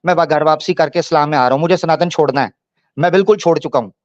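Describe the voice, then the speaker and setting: A man's voice: fairly high pitch, fast, no echo, highs cut off, lightly acted. A man mimicking a panicky grown man who begs to be let off, in a mocking, pleading voice.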